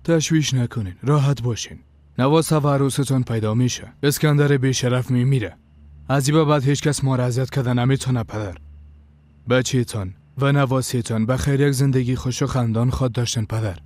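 A man's voice: medium pitch, fairly even intonation, darkish tone, close to an everyday voice. A man dubbing a worried grown son who earnestly pleads with his father. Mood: pleading. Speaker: dubbing actor. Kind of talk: dubbed TV drama.

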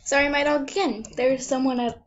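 A woman's voice: high voice, steady tone, a little fast, lo-fi sound, a little hiss or hum. A young woman vlogging at home in a rambling, casual way, giggling and poking fun at herself. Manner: giggly and self-mocking. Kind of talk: rambling casual vlog chat. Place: at home with a dog nearby.

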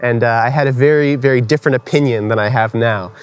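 A man's voice: medium pitch, quick pace, clear, resonant tone, faint music behind. Earnest young man sharing his testimony. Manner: earnest, conversational storytelling with fillers. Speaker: conference speaker. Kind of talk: personal faith testimony.

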